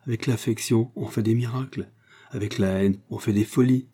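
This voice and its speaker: A man reading aloud, voicing a gentle, melancholy young housewife who speaks softly and with quiet reproach. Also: mid-range voice, steady tone, normal speed, natural voice.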